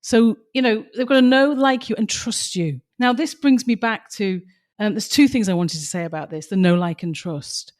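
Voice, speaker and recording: In a laid-back podcast chat, this co-host shares stories with passion and emphasis, her voice slightly strained as though she's losing it. It sits mid-range, a little mellow, at a moderate pace.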